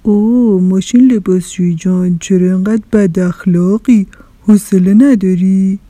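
A woman voicing a kind, caring kitchen fridge in a children's story, with a gentle, reassuring manner. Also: medium pitch, steady tone, no echo, natural voice. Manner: gentle, reassuring, a little louder. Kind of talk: storybook character voice.

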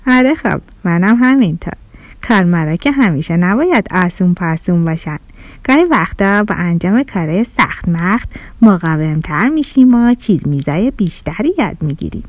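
A woman's voice: on the low side, animated, no echo, voice pushed down, lightly acted. A woman voicing a chatty, hardworking stove. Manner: chatty, rhyming playful words. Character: hardworking, cheerful kitchen stove. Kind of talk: storybook character voice.

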